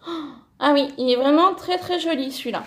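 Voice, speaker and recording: A woman's voice: high voice, a little fast, fairly bright tone, roomy sound. A woman chatting casually through a haul video of craft papers, enthusiastic and full of fillers, correcting herself as she goes. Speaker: scrapbooking vlogger.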